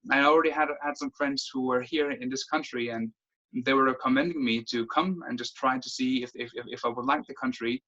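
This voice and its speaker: A man in his twenties from Denmark, an interview guest talking casually, quick and full of restarts. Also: mid-range voice, steady tone, pushed and bright, dull audio. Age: 20s. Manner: quick, lots of restarts and fillers. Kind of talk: casual conversation.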